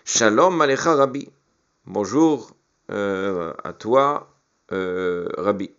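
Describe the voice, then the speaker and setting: A man with a fairly low voice leads a Talmud study session. He works through the text by reading a phrase in the original and explaining it, pausing on repeated words and fillers. The recording sounds muffled and lo-fi. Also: lively intonation, fairly bright tone. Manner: reads Hebrew and Aramaic phrases, then translates them into French. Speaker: Talmud teacher. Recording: dull lo-fi recording.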